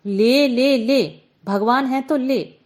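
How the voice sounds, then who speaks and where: A woman voicing a quarrelsome older woman neighbour who scolds loudly in rustic dialect. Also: high-pitched, slow pace. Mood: furious.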